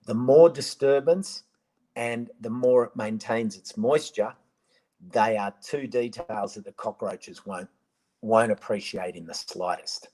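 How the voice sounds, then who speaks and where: A man's voice: fairly low pitch, measured pace, a little mellow, low-quality recording. A man answering viewer questions on a casual live stream, rambling with many restarts and ums.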